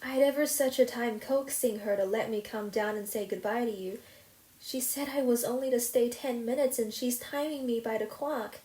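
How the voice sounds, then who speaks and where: A woman's voice: a little high, unhurried, a little mellow, pitched above the performer's own voice. A woman voicing a sad but practical young girl who talks in a plain, mournful way. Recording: roomy echo.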